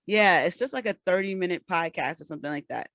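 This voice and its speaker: A woman's voice: fairly low pitch, animated, fast talker, fairly bright tone, dry recording. Woman on a podcast explaining stuff step by step, dry close sound. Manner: explanatory, patient, gives advice. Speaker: podcast co-host. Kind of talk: casual podcast chat.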